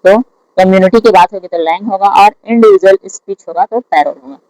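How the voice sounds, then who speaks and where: An exam prep teacher who reads each English question aloud slowly and then explains the answer in Hindi. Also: mid-range voice, darkish tone, dry recording, rough recording. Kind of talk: lecture solving exam questions.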